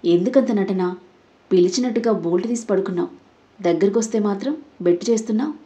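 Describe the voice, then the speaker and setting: A woman's voice: mid-range voice, quick pace, dark tone, lightly acted. Casting note: an arrogant young villain read by a woman for an audio story, lo-fi sound. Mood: pushy. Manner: brash and pushy. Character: arrogant, lecherous young man.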